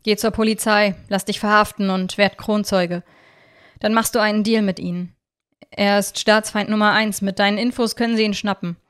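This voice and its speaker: A woman voicing a calm, unemotional man who speaks firmly and with emphasis. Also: mid-range voice, normal speed, clean tone, lightly acted. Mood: urgent. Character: calm, cold man warning a criminal.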